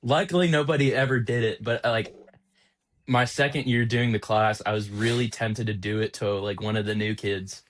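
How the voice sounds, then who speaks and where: A man's voice: on the low side, steady tone, moderate pace, a little hiss or hum. A young man hosting a podcast, telling a casual story in a rambling way with lots of filler words. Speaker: podcast host.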